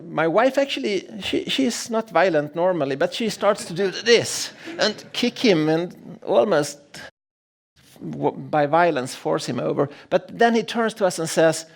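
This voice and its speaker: A man's voice: fairly high pitch, creaky. A middle-aged man from Sweden, giving a conference keynote in a humorous, self-deprecating storytelling way, often restarting his sentences. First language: Swedish. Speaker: keynote speaker. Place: large conference room.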